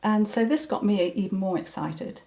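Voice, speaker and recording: A woman's voice: mid-range voice, moderate pace, mellow. An older woman recounting personal memories in an interview, hesitant, with many ums and restarts. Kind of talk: reflective personal recollection.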